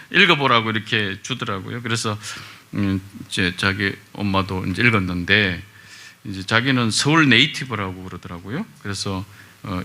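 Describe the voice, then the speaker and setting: A middle-aged pastor preaching a sermon in a relaxed storytelling way, pausing often with small fillers. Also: male voice, medium pitch. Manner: conversational storytelling with many pauses and fillers. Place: church sanctuary.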